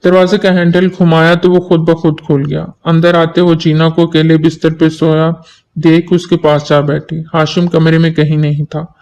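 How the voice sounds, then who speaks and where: A man narrating a moral story in an even, measured reading. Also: on the high side.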